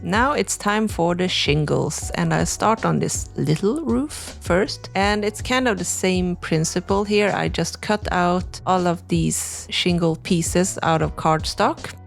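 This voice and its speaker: Faint background music accompanies a young Swedish crafting host as she walks through a tutorial. She speaks easily and without hurry, her low, gravelly voice loose and conversational, full of "like" and "you know."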